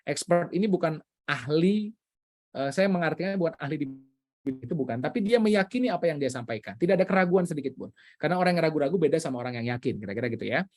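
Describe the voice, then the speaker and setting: Indonesian guy coaching a zoom class, kinda high voice, lots of energy, mixes in english words. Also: fast. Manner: energetic, swings pitch for emphasis, mixes in English phrases. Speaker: public speaking coach. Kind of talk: online workshop lecture. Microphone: video call.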